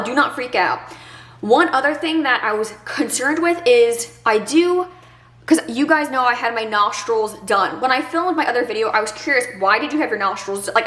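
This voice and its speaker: A woman's voice: on the high side, fairly bright tone, echoey room. Congested chatty young woman vlogger. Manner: chatty, many fillers like "like" and "kinda". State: congested nose. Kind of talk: casual advice vlog.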